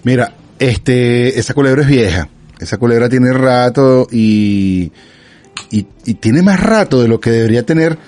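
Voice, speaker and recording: Relaxed man in casual podcast chat. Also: mid-range voice, a little slow, faint music behind. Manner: relaxed, agreeing interjections. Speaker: podcast co-host.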